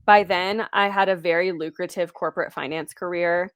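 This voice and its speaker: A woman's voice: lowish voice, steady tone, normal speed, clear, resonant tone, dry recording. A woman in her late twenties, a guest speaking candidly and reflectively in an interview conversation. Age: 20s. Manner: candid, reflective, laughs lightly.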